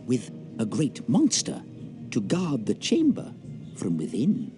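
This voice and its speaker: An actor with a British accent playing a fussy, scholarly charms professor in a video game, lecturing with theatrical precision. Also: male voice, mid-range voice, huge pitch swings, slow, music in the background. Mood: grave storytelling.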